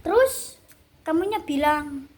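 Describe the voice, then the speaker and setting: A woman's voice: high-pitched, animated, takes it slowly. A woman casually dictating a skit script, chatty, linking lines with "then" and acting out the quoted dialogue in shifting tones.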